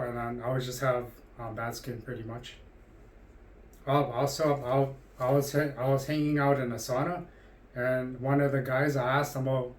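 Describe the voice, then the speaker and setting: Rambling man in his forties, flat delivery. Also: mid-range voice, reverberant. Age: 40s. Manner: rambling, hesitant with frequent restarts. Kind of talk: casual monologue.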